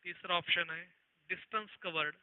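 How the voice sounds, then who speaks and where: A male physics teacher giving an online exam-prep lesson. He reads each question slowly, word by word, then explains it quickly. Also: high voice, no echo. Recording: tinny phone-like audio.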